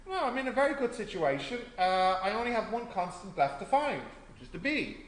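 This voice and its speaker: High-voiced man teaching maths. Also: big pitch swings, a little fast, fairly bright tone. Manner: explains step by step, asks the class questions. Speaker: maths tutor. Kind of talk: classroom tutorial. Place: classroom. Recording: echoey classroom with faint noise.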